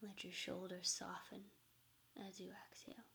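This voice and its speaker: A woman teaching meditation in a soft, gentle, hushed voice that trails off toward a whisper. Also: lowish voice, completely flat delivery, normal speed, vocal fry, a little hiss or hum. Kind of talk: soft-spoken guided meditation instruction.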